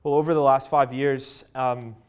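A man with a Canadian accent gives a sermon, reading scripture and praying earnestly amid frequent pauses and fillers. His mid-range voice is steady, clear, and resonant, with a slightly mellow tone.

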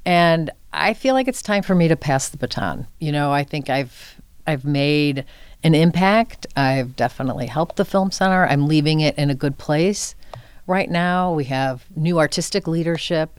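Heard in a dry recording, the deep, clean-toned voice of an older woman, a film center's executive director, comes through as she is interviewed. She talks informally and sincerely, working out her thoughts in brief, conversational bits.

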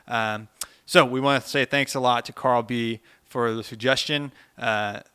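Male podcast co-host, bright and crisp, dry close mic, rambling casual delivery. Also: mid-range voice, steady tone, a little slow, no echo. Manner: loose, rambling, lots of fillers.

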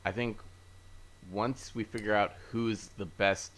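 A man's voice: lowish voice, steady tone, takes it slowly, fairly bright tone. A man hosting a podcast, casually recapping from memory in a rambling, easygoing way with many fillers and self-corrections. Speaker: podcast host. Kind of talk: casual chat.

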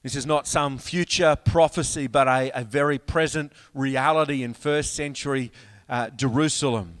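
A man preaching a sermon in a slow, deliberate way, with long pauses, swelling louder for emphasis and then dropping quiet. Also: medium pitch, steady tone, in a large hall.

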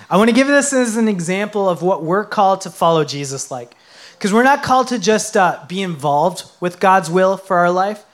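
A man preaching a sermon as pastor, earnest and emphatic, asking the congregation questions. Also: high-pitched.

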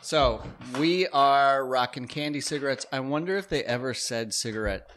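A man's voice: mid-range voice, normal speed, background noise. A man hosting a casual chat, joking with mock-serious banter. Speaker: host.

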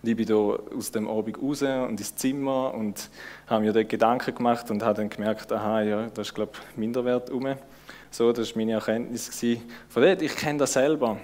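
A man's voice: medium pitch, steady tone, moderate pace, a little mellow. A man with a Swiss German accent giving a casual, conversational sermon, informal and searching, with many fillers and restarts. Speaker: preacher.

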